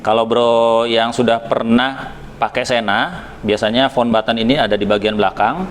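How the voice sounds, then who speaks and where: A helmet shop's Indonesian product reviewer talks in a mid-range voice at normal speed, with slight background noise. His review is casual and chatty, full of hesitations, and he occasionally mixes in English words.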